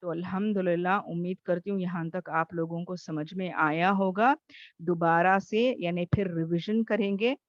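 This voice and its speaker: A woman's voice: lowish voice, steady tone, normal speed, no echo, highs cut off. A woman teaching a Tajweed class online, explaining patiently and checking in often with her students.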